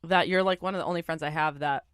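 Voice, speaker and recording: A young woman chats loosely on a podcast, dropping curses and laughing as she eats. Her voice comes through smooth and clean. The sound is close and dry. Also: low-pitched, fairly even intonation, fast, dry recording. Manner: profane, laughing, eating while talking. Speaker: podcast co-host. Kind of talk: casual chat over a meal.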